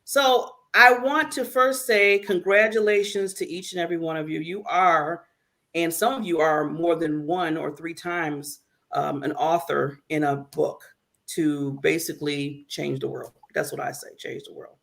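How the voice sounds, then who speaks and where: Woman talk-show host, chatty and loose, gravelly fry in the voice, video call. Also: low-pitched, steady tone, measured pace. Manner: warm, chatty, laughing often. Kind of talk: casual online talk show hosting.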